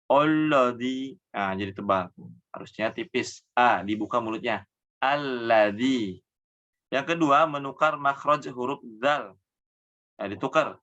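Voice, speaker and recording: A man teaching Quran recitation rules, explaining each mistake, then reciting the words slowly and drawn out, dropping softly at the ends of phrases. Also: mid-range voice, highs cut off. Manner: trails off softly after each example. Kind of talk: tajwid lesson with slow demonstration recitation.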